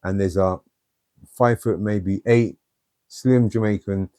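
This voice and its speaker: Guy telling it straight, lots of "you know", lowish voice, dry close sound. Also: steady tone, takes it slowly, mellow, no echo. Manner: blunt, streetwise storytelling with many "you know"s. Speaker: guest. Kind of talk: telling life stories in an interview.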